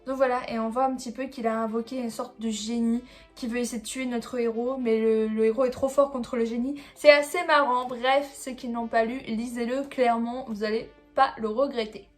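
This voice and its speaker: Woman vlogger, fairly high voice, chatty and rambling, faint music behind. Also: fairly even intonation, moderate pace. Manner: chatty, rambling, fillers like bref and voilà. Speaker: manga reviewer. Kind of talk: casual chat about a manga haul.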